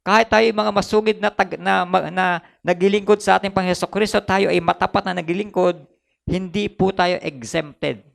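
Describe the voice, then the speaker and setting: A man's voice: high voice, fairly even intonation, moderate pace, gravelly. A man with a Filipino accent preaching a sermon as pastor, switching between Tagalog and English and repeating phrases for emphasis.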